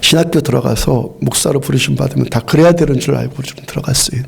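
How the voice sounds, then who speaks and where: A man's voice: mid-range voice, fast, gravelly, breathy edge. A middle-aged male pastor preaching a sermon in a church, telling a story earnestly and often repeating and restarting his phrases. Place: church sanctuary.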